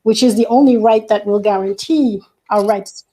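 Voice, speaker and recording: A woman who grew up in Senegal, speaking as an activist guest on a panel, earnest and measured with frequent hesitations. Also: medium pitch, mellow. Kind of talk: panel discussion.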